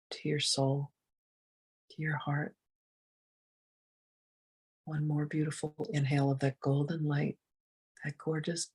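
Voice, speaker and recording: Here a meditation guide speaks at a medium pitch in a soft, breathy tone. The manner is gentle and calming, with long, leisurely pauses.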